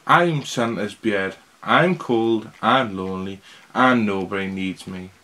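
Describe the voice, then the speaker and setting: A man's voice: lowish voice, slow pace. A man reading a children's storybook aloud, voicing a lonely male talking beard who wants to be needed. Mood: forlorn. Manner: gentle storybook read-aloud.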